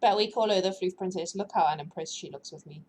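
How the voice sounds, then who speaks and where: A lowish, slightly mellow female voice moves at a quick pace as the livestream host giggles and chats casually with her viewers. She reads novels aloud on stream, has a blended South African, British and New Zealand accent, and the room noise is clearly audible.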